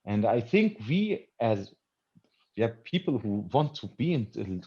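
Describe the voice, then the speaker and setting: At a festival Q&A, a film director born in Iran but more German than Iranian replies earnestly and forcefully in non-native English, often stumbling and restarting words. His pitch is medium but swings widely, and the audio is dull and lo-fi.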